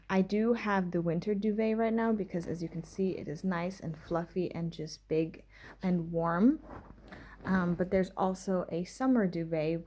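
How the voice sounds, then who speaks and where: A young woman gives a casual tour of her small apartment, chatting with many "um" pauses as she moves from room to room. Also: on the low side, a little mellow. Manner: chatty, many "um" pauses, walks through rooms while talking. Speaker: vlogger giving a home tour. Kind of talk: casual house tour narration.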